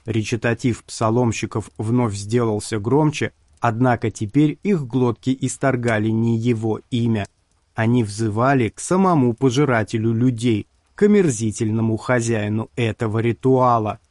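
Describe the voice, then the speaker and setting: A man reading a horror story aloud in a slow, measured way. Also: mid-range voice, darkish tone, no room sound, studio quality. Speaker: audiobook narrator. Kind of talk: scripted narration.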